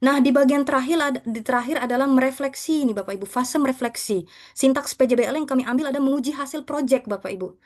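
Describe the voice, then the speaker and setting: A teacher speaks quickly in a high-pitched, slightly mellow voice, explaining material to fellow educators. She stays conversational and respectful, repeatedly using respectful terms for those listening.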